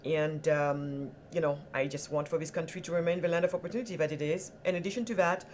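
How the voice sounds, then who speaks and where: A woman from Senegal, a guest entrepreneur, telling her life story in an animated, earnest conversational way. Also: low voice, fast, a little hiss or hum. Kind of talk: conversational interview.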